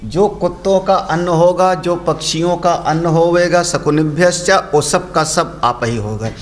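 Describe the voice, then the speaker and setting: A man's voice: a little high, measured pace, slight background noise. An older man, a swami, giving a storytelling commentary on scripture and explaining Sanskrit phrases.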